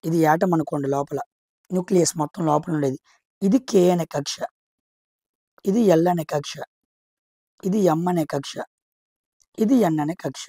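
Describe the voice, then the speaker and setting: A woman teaching chemistry. She asks her own questions, answers them herself, counts aloud and slowly repeats key terms. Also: deep voice, mellow, breathy edge, dry recording, studio quality. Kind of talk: explaining chemistry, drawing on a board.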